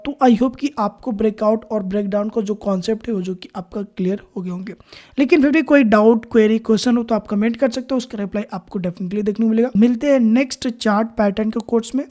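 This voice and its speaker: A woman teaching a beginner trading lesson over charts, explaining step by step with frequent pauses and restarts, with terms. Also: fairly high pitch, warm tone. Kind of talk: screen-recorded chart lesson.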